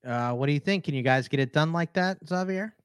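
A man's voice: on the high side, brisk, clean tone, no echo. A man hosting a sports podcast, easygoing as he hands off questions and moves to the next game. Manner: easygoing, moves the show along. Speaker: podcast host. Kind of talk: casual sports chat.

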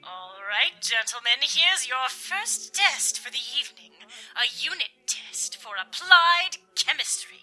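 An actress playing a gloating schoolmistress-like villain in an audio drama, mock-polite, theatrical and condescending. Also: female voice, sits high, big pitch swings, measured pace, hardly any pauses, pushed and bright, soft background music, heavily acted. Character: gloating, schoolmistress-like female villain running deadly tests.

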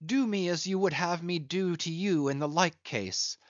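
Guy putting on a frantic begging ship captain, voice way up high, dry and a bit dull. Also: normal speed, dry recording, lightly acted. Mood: pleading. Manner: urgent, begging, rising to high excited calls. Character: grief-stricken pleading sea captain, middle-aged man.

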